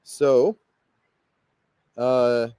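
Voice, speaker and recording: A man's voice: medium pitch, fairly even intonation, drawn-out words, warm tone, clear, resonant tone, no room sound. A man leading a guided meditation as a spiritual guide, talking in a rambling, hesitant way full of fillers and restarts.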